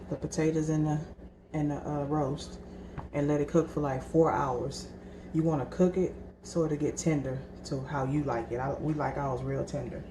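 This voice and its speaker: A woman vlogger cooking at home, talking casually and rambling, calling her viewers y'all. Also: deep voice. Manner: chatty and rambling, keeps addressing viewers as y'all. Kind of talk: casual cooking vlog chat. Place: home kitchen. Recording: echoey room with background noise.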